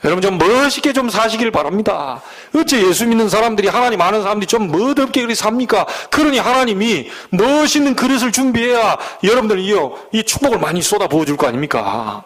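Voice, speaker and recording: A middle-aged man from the Jeolla region preaching a sermon as pastor, folksy, with loud emphatic peaks and low asides. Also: lively intonation, fast, hardly any pauses. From Jeolla, Korea.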